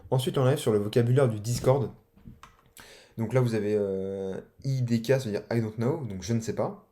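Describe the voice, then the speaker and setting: A man's voice: mid-range voice, normal speed, dark tone. A young man casually teaching online, talking loosely with slang and many fillers. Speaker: online course instructor. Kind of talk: casual explanatory tutorial.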